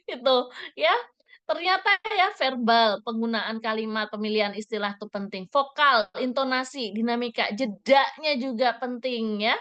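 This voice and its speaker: Woman running a parenting workshop, high voice, slow easy pace, asks lots of questions. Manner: lively, asks the audience many questions. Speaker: trainer leading a parenting workshop. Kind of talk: interactive workshop talk.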